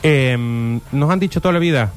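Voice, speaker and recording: A man's voice: mid-range voice, normal speed, soft background music. A man co-hosting a casual radio talk show, rambling through anecdotes and losing his thread. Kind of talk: casual studio chat.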